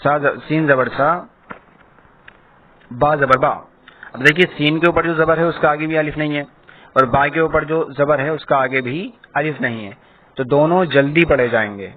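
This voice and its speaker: A man giving an online Quran reading lesson. He spells syllables out slowly, then explains at a brisk pace. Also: a little high. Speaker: Quran teacher. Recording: tinny phone-like audio with faint hiss.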